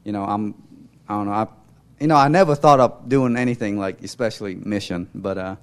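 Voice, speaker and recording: With a fairly low, smooth voice, a young man from Cambodia shares a church testimony as a mission volunteer. He speaks informally and haltingly, frequently groping for words.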